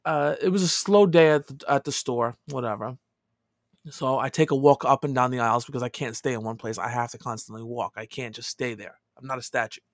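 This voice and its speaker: A man in his thirties, a podcast co-host, telling a story in casual chat, animated and swinging from loud outbursts to quiet asides. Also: mid-range voice, a little fast, no echo, studio quality.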